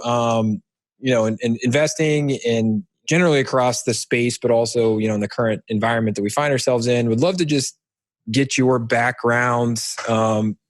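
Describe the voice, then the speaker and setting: A man hosts a casual interview podcast in a friendly, chatty way. He often restarts his sentences and fills gaps with "um" and "uh". His voice sits at an ordinary pitch and sounds dry and close to the mic. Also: no echo. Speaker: podcast host, company founder.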